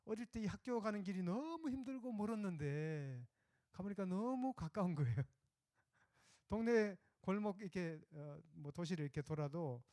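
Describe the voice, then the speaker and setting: This is a male pastor delivering a Sunday sermon in a relaxed, conversational style, telling stories and pausing with small fillers. His voice is fairly high for a man, and the sound is dry and close to the mic. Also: no room sound.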